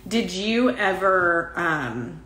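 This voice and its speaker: A woman hosting an interview and gently passing on viewer questions. Her voice sits fairly low. The recording has a roomy echo. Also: animated, extremely slow. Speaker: interview host.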